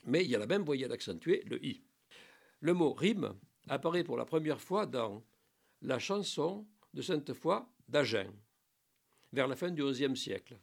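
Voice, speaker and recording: A man giving a spoken lesson on French verse, explaining in a lively teaching manner with playful asides and recited lines. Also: medium pitch, unhurried, vocal fry.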